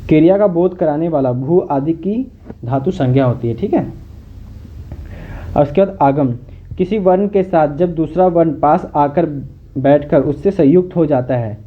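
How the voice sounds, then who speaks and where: A man's voice: fairly high pitch, moderate pace. A male teacher giving a recorded lecture, explaining patiently and checking in with the listener again and again. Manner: explains patiently, often adds "theek hai". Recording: tinny phone-like sound.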